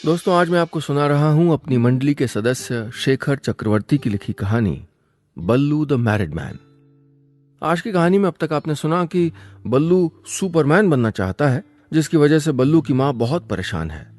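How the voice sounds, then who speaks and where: Lively male radio storyteller. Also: fairly high pitch, normal speed, faint music behind. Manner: lively, expressive narration. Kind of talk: scripted story narration. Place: radio studio.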